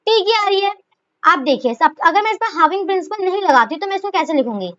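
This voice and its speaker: High-voiced woman teaching shorthand. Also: lively intonation, quick pace, fairly bright tone. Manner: asks herself questions and answers them, repeats "okay"; addresses students fondly as children. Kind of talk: explaining a lesson. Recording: dull lo-fi recording.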